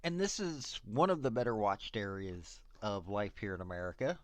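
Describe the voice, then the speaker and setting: A man's voice: lowish voice, lively intonation, normal speed, no echo. A man giving blunt, opinionated commentary, reading parts of official reports aloud and adding casual, sarcastic asides. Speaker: commentator on prison investigations.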